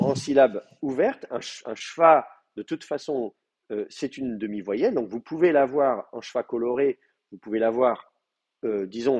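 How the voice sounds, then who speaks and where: A man's voice: mid-range voice, darkish tone, breathy edge. A man teaching an advanced Hebrew class, explaining grammar step by step with many hesitant fillers. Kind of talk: live class lecture.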